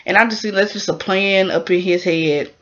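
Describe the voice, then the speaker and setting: A woman's voice: medium pitch, fairly even intonation, normal speed, fairly bright tone. A woman casually recapping a drama episode in a rambling way, with plenty of fillers. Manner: rambling, many fillers, acts out the characters' lines. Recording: dull lo-fi recording.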